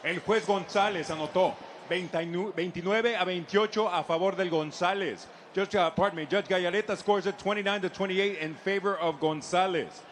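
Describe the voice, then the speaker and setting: A man's voice: high-pitched, fairly bright tone, slight background noise. A man working as a bilingual ring announcer, making ceremonial fight introductions and decisions with showman flair. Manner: ceremonial, drawn-out showman delivery of fighter names.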